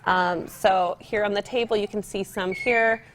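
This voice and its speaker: A woman's voice: mid-range voice, fairly even intonation, unhurried, slight background noise. A young American woman chatting informally and upbeat as a guest giving a decor demonstration on television. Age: young adult. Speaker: guest home decor store representative. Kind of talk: casual TV demonstration interview. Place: TV studio set, indoors.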